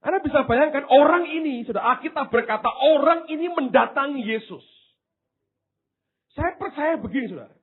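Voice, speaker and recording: A man preaching a sermon, swinging from hushed asides to loud exclamations, with casual slang jokes. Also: extremely high pitch, expressive, normal speed. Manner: drops into casual Javanese-flavoured slang for humour. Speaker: pastor. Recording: tinny phone-like sound.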